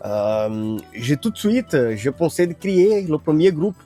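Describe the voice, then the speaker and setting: A man's voice: a little high, very animated, measured pace, dark tone, faint music behind. A man from northern Brazil, a native Portuguese speaker, talking as a guest musician in a radio interview, hesitant with many fillers and restarts.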